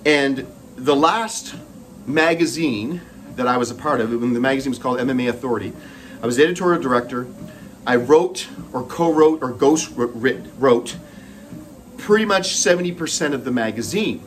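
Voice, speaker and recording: A man's voice: medium pitch, moderate pace, slight background noise, rough recording. A middle-aged man with a Canadian accent telling a personal story while running on a treadmill, speaking in short broken phrases. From Moncton, New Brunswick, Canada. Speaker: host.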